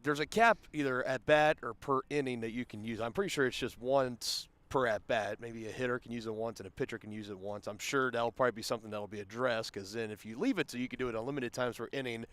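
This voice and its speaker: A man doing play-by-play commentary for a high school baseball game, conversational and explaining rules at length. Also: quick pace, few pauses, a bit bright. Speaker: play-by-play announcer. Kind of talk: sports commentary.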